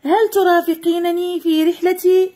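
A woman's voice: very high-pitched, flat delivery, moderate pace, warm tone, voice pushed up. A woman reading a children's story aloud, voicing a female wind that keeps inviting others to travel with her. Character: restless female wind looking for a companion.

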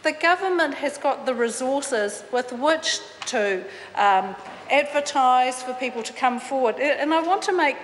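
A woman's voice: high-pitched, expressive, a little slow, a little hiss or hum. A middle-aged woman, an opposition member of parliament giving an indignant debate speech full of fillers and restarts, at a desk mic in a large wood-panelled chamber. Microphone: desk microphone. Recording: reverberant chamber with faint ambience.

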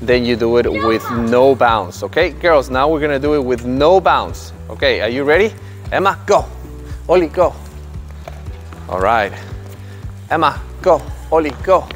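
In this instructional video, a thirty-something man on an indoor tennis court explains drills to the camera and gives the young kids upbeat, encouraging commands. He speaks at medium pitch, expressively and a little slowly, over background music.

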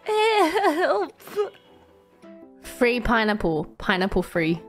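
A woman's voice: on the high side, huge pitch swings, extremely slow. A playful woman giving casual, exclaiming commentary as she streams a game. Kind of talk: casual gameplay livestream commentary. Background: faint music.

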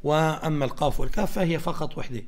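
A man gives a religious lesson on Quran recitation rules. He talks in a patient, repetitive teaching manner, sprinkling in blessings. He slows down to model each example carefully. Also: on the high side. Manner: repeats phrases, often says "barakallahu fikum", slows down to demonstrate recitation.

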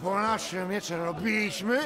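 An actor playing a gruff, proud clan swordsmith in a fantasy game, boastful and rustic like a dwarf. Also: male voice, high-pitched, takes it slowly. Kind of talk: fantasy video game voice acting. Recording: game music behind.

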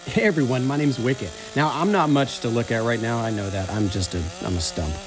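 A man's voice: mid-range voice, brisk, noisy background, lightly acted. A man, a TV news reporter, voicing a playful wooden teddy bear who narrates a news feature in the first person with jokey, teasing asides.

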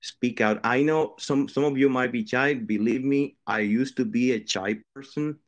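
A middle-aged Venezuelan man, an engineering professor, answers a panel question over a video call. His mid-range voice moves at a normal speed, and he's earnest, often restarting his phrases.

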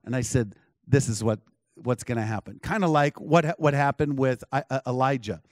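A man preaching a sermon, telling a story with lively acted-out dialogue and frequent chuckles. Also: mid-range voice, moderate pace, dry recording, clean studio sound. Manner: animated, acts out dialogue, chuckles often. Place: church.

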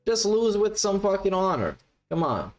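A man's voice: high voice, big pitch swings, moderate pace. A man giving blunt, mocking, sweary casual commentary as a streamer reacting to gameplay. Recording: noisy livestream with game audio.

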